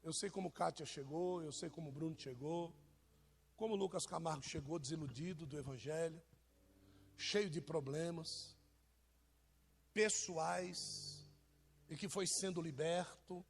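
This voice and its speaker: Man, Brazilian accent, high voice, informal church sermon, teasing and joking. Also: unhurried, creaky, pauses often, husky. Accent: Brazilian Portuguese. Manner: teasing, joking with congregation members. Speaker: apostle preaching to his congregation.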